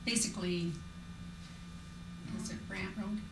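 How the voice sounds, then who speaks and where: A woman's voice: mid-range voice, fairly even intonation, unhurried, vocal fry. An older woman informally recalling family history among relatives. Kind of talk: informal reminiscence. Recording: distant mic, echoey noisy room.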